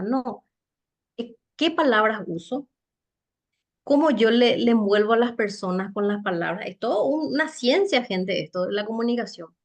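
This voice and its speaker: A woman giving a conversational seminar talk on soft skills, chatty and halting, often tagging her points with rhetorical questions. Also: mid-range voice. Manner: chatty, with frequent rhetorical tag questions and light laughs; loose, halting delivery with many fillers and restarts. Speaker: speaker teaching soft skills for network marketing.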